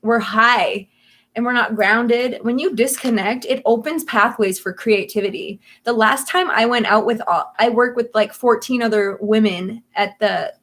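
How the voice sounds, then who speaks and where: A woman's voice: a little high, unhurried, fairly bright tone. Chatty woman in her thirties rambling. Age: 30s. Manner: chatty and rambling, laughs often. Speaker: livestream host. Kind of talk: casual livestream chat.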